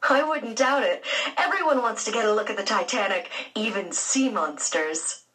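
A woman voicing a stern but loving aunt in a children's storybook reading, speaking low and serious. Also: normal speed, bright, forceful tone, recorded from a distance, natural voice, rough recording. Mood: amused.

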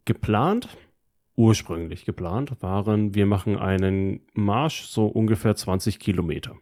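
A man's voice: on the low side, a little slow, a little mellow. A man co-hosting a podcast, telling stories in casual, slangy German. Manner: colloquial, slangy. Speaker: podcast co-host. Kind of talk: casual chat, telling about his week.

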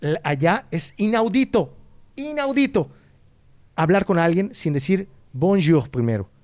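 Lively Mexican man, slightly high voice. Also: measured pace. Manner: animated storyteller who acts out quoted voices, frequent restarts. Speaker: guest, student exchange organizer. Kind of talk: casual conversation.

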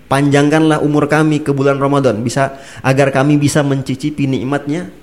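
A man's voice: mid-range voice, brisk. A man, an Islamic preacher, explaining religious points in a casual talk, chuckling and acting out the people in his examples. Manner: lively, laughing, acts out angry speakers.

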